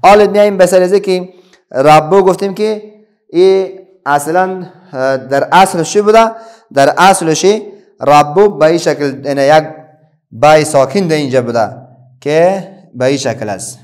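Teacher, male, Afghan Dari accent, a bit high-pitched, patient question-and-answer classroom delivery with pauses. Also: darkish tone. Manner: asks the pupils questions and answers them himself, with many pauses and fillers. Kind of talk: classroom Quran reading lesson for children.

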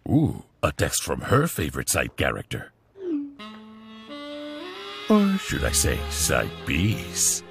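An actor playing an arch, gossipy narrator, teasing and dramatic in a TV comedy voice-over. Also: male voice, a bass voice, wildly swooping pitch, slow pace, vocal fry, pauses often, heavily acted. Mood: arch, amused. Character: arch, gossipy telenovela-style male narrator. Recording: loud music under voice-over.

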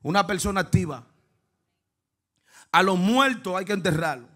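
Man, high-pitched voice, fervent sermon, sudden shouts and quiet asides, questions to the congregation. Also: expressive, normal speed. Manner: swings from hushed asides to shouted exclamations. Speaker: pastor. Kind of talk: lively Pentecostal sermon.

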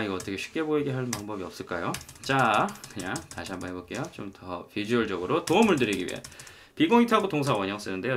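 A man's voice: lowish voice, a bit bright. A man teaching English in a casual online lesson, chatting and acting out short example lines.

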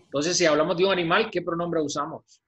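A man's voice: fairly high pitch, fairly even intonation, a bit bright. Patient male teacher on a video call. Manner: patient, repeats words slowly for pronunciation. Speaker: English teacher. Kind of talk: online class, teaching English in Spanish. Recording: dull lo-fi video-call audio.

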